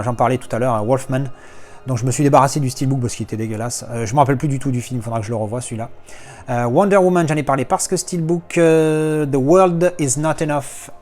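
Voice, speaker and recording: A man's voice: medium pitch, a little mellow. A man walking through his film collection in a casual, enthusiastic, rambling way, often restarting his sentences. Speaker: video reviewer.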